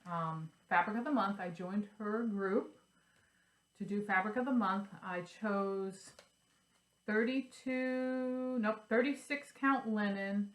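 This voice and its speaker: A woman's voice: mid-range voice, slow. A middle-aged woman vlogging about cross-stitch in a chatty, rambling way, repeating herself as she talks. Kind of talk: casual show-and-tell chat. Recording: roomy sound from a distance.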